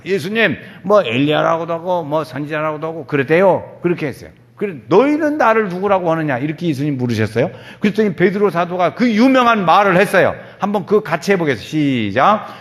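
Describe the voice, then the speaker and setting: An older man preaching a sermon as a pastor, animated and acting out quoted dialogue, sounding weary and foggy-headed. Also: a little high. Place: church sanctuary. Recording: long church hall reverb.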